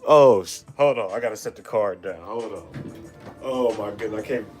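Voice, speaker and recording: A young man hosting a card-opening vlog, excited, exclaiming and stammering over his pulls. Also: lowish voice, moderate pace, soft background music. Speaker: card-opening channel host.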